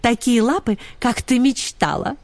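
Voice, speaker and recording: A woman's voice: on the high side, a little slow, darkish tone, dry recording, voice pushed up, natural voice. A woman voicing a sweet but condescending female greyhound who gushes patronizingly. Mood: gushing. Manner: gushing, patronizing.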